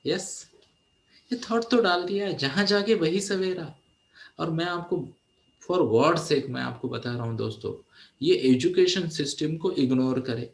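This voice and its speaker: A man in his forties who mentors teenagers gives a motivational talk in Hindi mixed with English phrases, often asking his listeners "है ना?". His voice is fairly high, animated and unhurried, with vocal fry. The sound is roomy.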